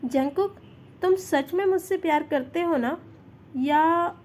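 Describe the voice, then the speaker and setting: Woman doing a high-voiced, bashful but fiery young girlfriend; slow storybook delivery. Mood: tender. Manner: teasing scolding, tearful pleading. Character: young woman, shy but feisty lover. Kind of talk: storytelling fan fiction reading.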